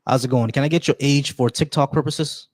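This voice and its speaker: A laid-back livestream host with an average male pitch and fairly even intonation chats loosely and unhurriedly. He welcomes viewers with shout-outs and trails off into many small restarts.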